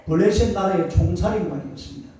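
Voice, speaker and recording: A man preaches to his congregation in a colloquial, call-and-response style, always asking them to repeat after him. His voice sits high and mellow. The recording is dull and distant, with a heavy hall echo. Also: quick pace. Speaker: pastor. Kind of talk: sermon. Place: church sanctuary.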